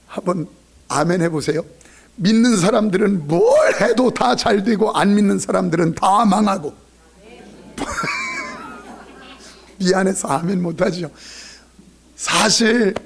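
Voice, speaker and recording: A man's voice: high-pitched, creaky, slightly rough. A male pastor preaching a sermon in a joking, emphatic way, often acting out what people say. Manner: lively, joking, emphatic preaching with acted-out quotes.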